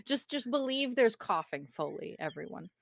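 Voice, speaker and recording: A woman's voice: on the high side, big pitch swings, normal speed, creaky, a little hiss or hum. A woman playing in a tabletop roleplaying game, chatting casually with a playful, self-deprecating manner.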